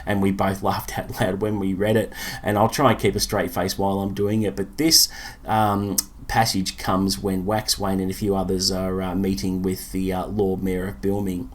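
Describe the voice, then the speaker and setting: A man giving a casual spoken book review, relaxed and chatty with many fillers and pauses. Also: deep voice.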